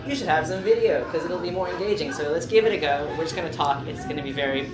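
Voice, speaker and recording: A woman's voice: deep voice, fast talker, crowd noise. A woman co-hosting a casual dance podcast, asking playful, teasing questions. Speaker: podcast co-host. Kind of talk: casual interview chat. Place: dance studio room. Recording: echoey room with music behind.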